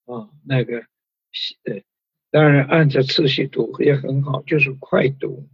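Husky-voiced man preaching a sermon. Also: medium pitch, steady tone, measured pace, no room sound. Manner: conversational preaching with frequent fillers and tag particles. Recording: dull lo-fi recording.

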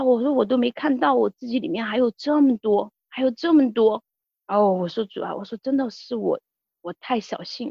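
A woman giving an earnest personal testimony, halting often and restarting her words. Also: mid-range voice, no echo, dull audio. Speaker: testimony giver.

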